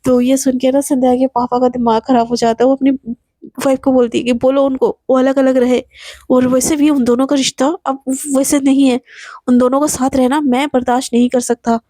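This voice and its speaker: Chatty woman storyteller, high pitch, mellow tone, dry close recording. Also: flat delivery, brisk, dry recording. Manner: chatty, gushing, with many fillers. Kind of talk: casual story narration.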